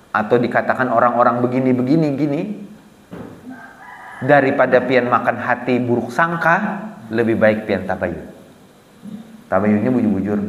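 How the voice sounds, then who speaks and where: A man's voice: medium pitch, lo-fi sound. A man with a Banjar Malay accent preaching a casual, storytelling sermon, acting out quotes and asking the listeners questions. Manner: lively, acts out quotes, asks listeners questions. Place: small prayer hall. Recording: echoey prayer hall with long reverb.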